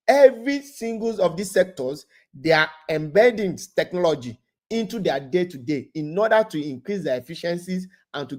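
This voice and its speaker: Give me a man speaking remotely on a video call as a guest presenter, delivering a webinar lecture in a halting way and often repeating words as he restarts. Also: high-pitched.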